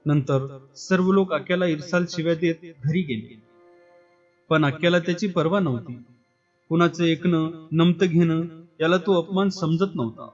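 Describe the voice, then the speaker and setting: A man narrating a literary short story with a steady, expressive reading. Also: fairly high pitch, moderate pace. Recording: dull lo-fi with faint music.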